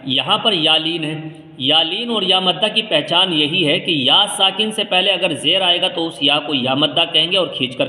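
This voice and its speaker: A man with a bright, rather high voice gives a patient step-by-step reading lesson. He explains each rule calmly and stretches the letter sounds into a half-chant. The room is echoey, with a long reverb trailing each phrase. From India. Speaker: Quran reading teacher.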